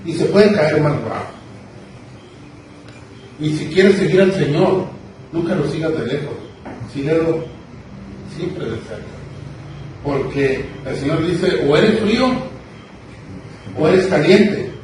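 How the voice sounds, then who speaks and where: A man's voice: on the high side, slow, long pauses, darkish tone. A man preaching a sermon, telling the story with emphatic repetitions. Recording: echoey hall, distant mic, noisy.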